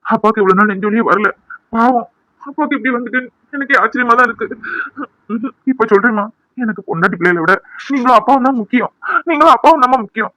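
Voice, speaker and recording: A man's voice: very high-pitched, quick pace, sharp tone, dry recording, pitched above the performer's own voice, poor audio. A man voicing a devoted grown son in a cartoon, pleading and reassuring his mother. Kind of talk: cartoon voice acting.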